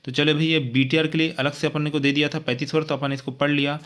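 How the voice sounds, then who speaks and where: Coaching man, higher-pitched voice. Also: little pitch movement, fast talker, a bit bright. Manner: repetitive, coaching tone with frequent "है ना" tag questions. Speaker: teacher. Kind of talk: exam-prep lesson.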